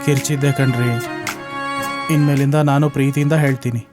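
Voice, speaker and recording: An actor playing a meek young husband who is job-hunting, plaintive and sulky. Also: male voice, medium pitch, level tone, moderate pace, over music, close to an everyday voice. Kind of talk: TV drama acting.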